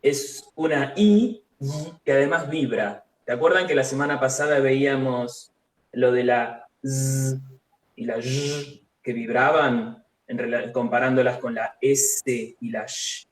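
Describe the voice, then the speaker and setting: A man teaching a live online language class, explaining pronunciation slowly and patiently, syllable by syllable. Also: medium pitch, fairly even intonation, echoey room, rough recording.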